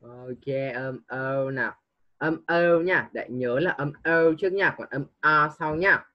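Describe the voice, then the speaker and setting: A man's voice: a little high, measured pace. Patient male tutor on a dull line. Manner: patient, coaxing, mixes English prompts into teaching. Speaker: English tutor. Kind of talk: online one-on-one tutoring.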